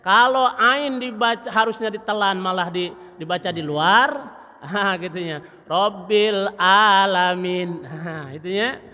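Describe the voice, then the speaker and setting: A man teaching Quran recitation at a mosque study session, demonstrating letter sounds and slowly chanting verses. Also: high-pitched, sharp tone. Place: mosque hall. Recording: long reverb of a mosque hall.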